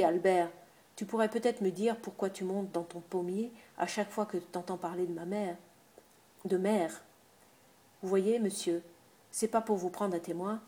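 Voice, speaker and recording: A woman's voice: mid-range voice, mellow, close to an everyday voice. A woman voicing a talkative older countrywoman, an innkeeper's wife with homely familiar speech.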